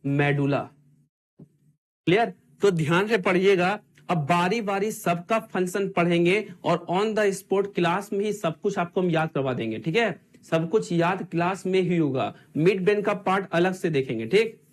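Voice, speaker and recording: A man's voice: high voice, normal speed, hardly any pauses. A man teaching an online exam-prep class, asking his students the same questions again and again in call-and-response drills.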